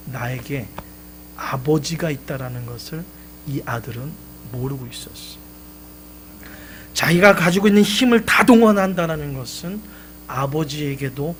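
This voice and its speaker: High-pitched guy preaching sunday, emphatic, rises and drops, faint hum. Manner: emphatic, swelling then dropping low. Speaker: pastor. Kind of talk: live Sunday sermon. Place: church sanctuary.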